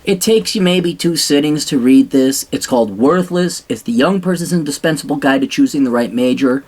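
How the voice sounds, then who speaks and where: This man's voice sits fairly high, a little mellow, at a normal speed. Speaking straight to camera as a vlogger, he delivers blunt career advice in a sarcastic rant, swearing freely and rambling with restarts in a casual monologue.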